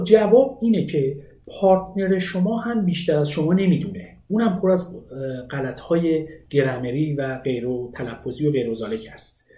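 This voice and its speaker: A man teaching a language lesson, explaining study methods with lively, rising emphasis. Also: fairly high pitch, echoey room. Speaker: English teacher.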